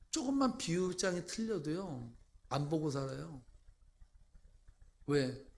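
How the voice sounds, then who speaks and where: A man's voice: a little high, creaky. A male pastor preaching a sermon, emphatic and putting rhetorical questions to the congregation.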